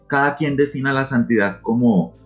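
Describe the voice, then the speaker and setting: A man's voice: medium pitch, normal speed. A man speaking as an interview guest, talking earnestly and emotionally about faith and prayer, often repeating words for emphasis. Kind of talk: reflective talk on faith and prayer. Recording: muffled recording with faint music. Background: faint music.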